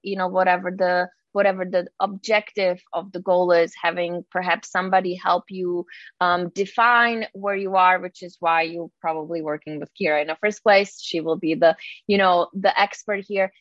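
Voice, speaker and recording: A woman's voice: lowish voice, fairly even intonation, normal speed, dry recording. A woman from the Czech Republic chats as a podcast guest, hesitant and full of fillers. Her voice comes through a slightly dull, lo-fi recording. The sound is dry and close, with no room around it. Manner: hesitant, lots of ums and restarts. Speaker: guest, yoga teacher and life coach. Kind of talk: casual podcast conversation.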